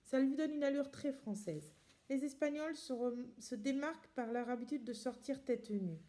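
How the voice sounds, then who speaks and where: A woman reading a diary aloud in a calm, measured way, then commenting with some hesitant fillers. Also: high voice. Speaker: reader.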